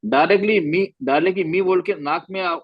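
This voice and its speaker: Male recitation teacher, patient, demonstrates sounds slowly, slightly high voice, dull dry line. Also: dry recording. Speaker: Quran tajweed teacher. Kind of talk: online class instruction.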